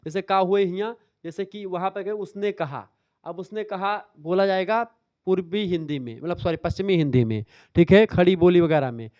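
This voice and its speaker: A man's voice: high voice, moderate pace, a little mellow, clear, resonant tone, dry recording, dull audio. A male teacher giving an exam revision lecture, explaining step by step and checking in with "theek hai". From northern India. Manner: explanatory, repeats "ठीक है" often.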